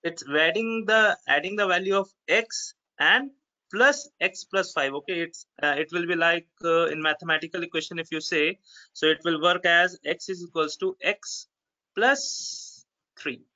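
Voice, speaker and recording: This is a male teacher with a North Indian accent and a sharp, fairly high voice. He explains step by step in an informal way and often checks with an okay or right. The audio is a little dull, as on an online call. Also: moderate pace. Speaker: programming teacher. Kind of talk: informal step-by-step screen-share tutorial.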